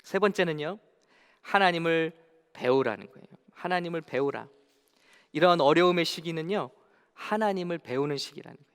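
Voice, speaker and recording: Pastor guy preaching, high voice, swings from loud to hushed, long church echo. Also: animated, normal speed, clear, resonant tone. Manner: preaching with sharp swings from loud declaiming to hushed, voicing God and Job in quotes. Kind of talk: Sunday sermon. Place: church sanctuary. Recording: long hall reverb.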